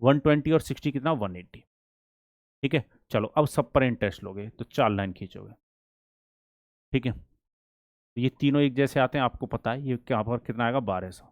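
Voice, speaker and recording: This man's mid-range voice comes through a lo-fi recording with no room sound. Teaching maths for exam prep, he reads each problem deliberately and slowly, asking the class questions he then answers.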